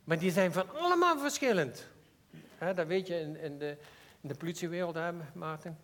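A man with a Limburg Dutch accent preaching a sermon, earnest and personal, swinging between loud emphasis and quiet asides. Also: high voice, lively intonation, moderate pace.

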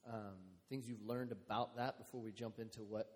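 A man's voice: on the low side, steady tone, moderate pace, darkish tone. A man leading a group discussion in an earnest way, repeating key phrases. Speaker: discussion leader. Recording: reverberant room.

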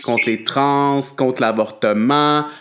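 A man, co-hosting a casual chat podcast and tossing out quick joking asides. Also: mid-range voice, fairly bright tone. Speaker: podcast co-host.

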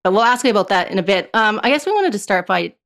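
A woman's voice: mid-range voice, very animated, fast, fairly bright tone. A woman co-hosting a casual podcast interview, conversational and circling around her questions. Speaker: show co-host, interviewer.

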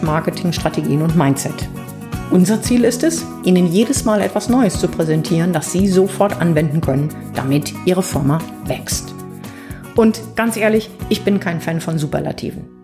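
A woman hosting a podcast, presenting and chatting in a structured, explanatory way with vivid examples. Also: on the low side. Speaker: podcast host.

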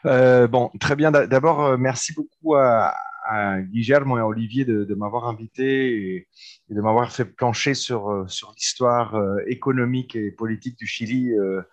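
A man's voice: medium pitch, normal speed. A man from Argentina gives a seminar commentary on a book, with a mid-range voice. He talks hesitantly, full of restarts and fillers. The sound is a bit dull and lo-fi. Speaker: discussant.

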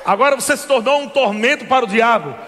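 A man preaching a sermon to a congregation, shouting and laughing fervently in a repetitive cadence. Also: very high voice, fast, big-room sound, noisy background.

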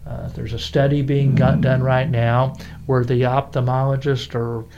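A man chatting as a guest on a talk show, rambling and halting, with many restarts and a folksy way of putting things. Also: medium pitch, flat delivery, muffled recording, very noisy. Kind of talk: casual radio chat.

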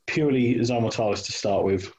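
A man's voice: fairly low pitch, a little fast, darkish tone, slightly rough. A man in casual chat about his hobby, hesitant, with many ums and restarts, on dull lo-fi call audio. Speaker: hobby wargamer guest.

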